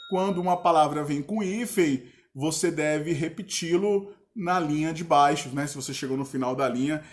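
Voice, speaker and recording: A male teacher with a Brazilian Portuguese accent, giving a casual grammar lesson and checking in with his students often. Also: on the high side. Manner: relaxed, chatty, checks in with the class often.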